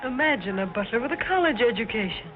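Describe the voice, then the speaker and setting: A woman's voice: a little high, expressive, fast, lightly acted. An actress playing a cool, sardonic society woman in teasing 1930s film screwball comedy banter. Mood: cool, needling. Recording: muffled 1930s film soundtrack, music behind.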